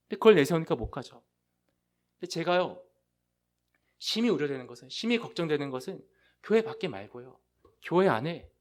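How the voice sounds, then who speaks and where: A middle-aged male pastor preaching a sermon with passion, swinging from hushed, low lines to loud, rising appeals. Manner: impassioned preaching with sharp rises and hushed drops.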